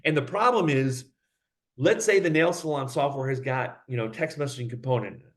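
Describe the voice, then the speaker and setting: A man being interviewed as a company head, talking in an animated, fast way and acting out the voices of people in his stories. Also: mid-range voice. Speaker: guest, company CEO.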